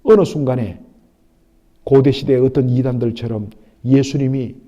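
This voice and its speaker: Male pastor, dawn sermon, warm low-toned voice, earnest and measured delivery. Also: steady tone, highs cut off. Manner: earnest preaching, pausing often, quotes lines with feeling. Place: church.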